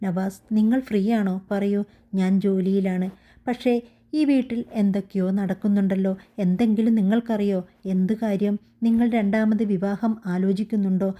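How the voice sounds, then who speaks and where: A woman's voice: mid-range voice, fairly even intonation, moderate pace, warm tone, highs cut off, close to an everyday voice. A woman reading as a resolute young wife. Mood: worried. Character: young wife, hurt but growing resolute.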